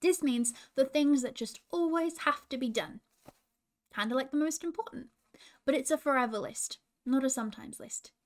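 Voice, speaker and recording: A woman in a princess role, gently coaching children and asking them questions. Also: high-pitched, moderate pace.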